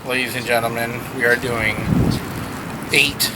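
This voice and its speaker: Loud wind batters the microphone as a man talks outdoors in an average-pitched voice. He takes his time, chatting casually like a car vlogger showing off parts, with playful, showy little asides. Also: level tone, measured pace. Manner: informal, playful, showman-like asides. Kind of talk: casual unboxing and car modification chat.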